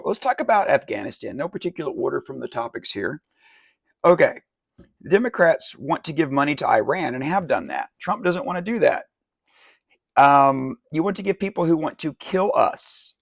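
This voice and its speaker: A man's voice: medium pitch, creaky, slightly rough, no echo. A man hosting a satirical mock interview, questioning in an indignant, exasperated way.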